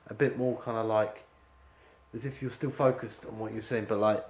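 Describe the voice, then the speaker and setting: A man's voice: fairly low pitch, fairly even intonation, normal speed, darkish tone. A man directing an actor at an audition, rambling and full of fillers as he explains the scene. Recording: echoey room with faint ambience.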